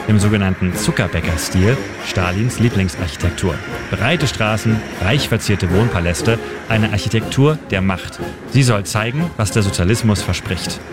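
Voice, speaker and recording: A man narrating a scripted radio feature as editor and city guide, measured, with dramatic pauses in lists. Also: lowish voice. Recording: narration over loud music bed.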